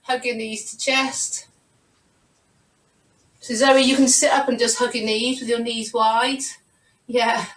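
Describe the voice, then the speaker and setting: Speaking slowly with long pauses, this woman has a fairly high, level voice as she teaches Pilates live over a video call from home. She encourages her class and counts each rep out loud. The sound is distant and roomy, typical of a video call.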